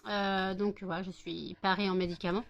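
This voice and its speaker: A woman's voice: mid-range voice, flat delivery, normal speed, gravelly, highs cut off. A French woman talking casually to her viewers from her home. She rambles through her day with plenty of hesitations and fillers. Now and then she raises her voice to scold her dogs. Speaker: vlogger. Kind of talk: casual daily vlog chat.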